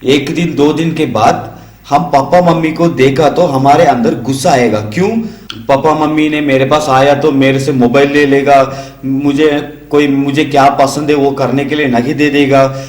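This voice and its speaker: A man giving a children's sermon at a Bible school, acting out parents and children in a higher voice. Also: fairly even intonation, normal speed, a little mellow. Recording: echoey room.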